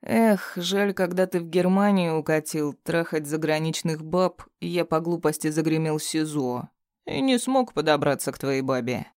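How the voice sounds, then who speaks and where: A crude, sneering male thug, tied up and bloodied, jeers in a strained voice pushed well above the reader's own. A man acts him out, loud and mocking, recorded close and dry in an audiobook. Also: fairly high pitch, normal speed, no echo, lightly acted. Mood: taunting.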